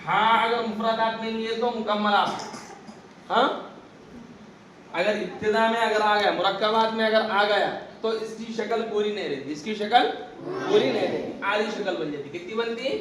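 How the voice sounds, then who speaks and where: Male religious teacher, high voice, call-and-response drilling, echoey room and distant mic with background noise. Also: normal speed, a bit bright. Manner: asks questions and repeats the answers. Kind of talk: classroom lesson on Arabic letters.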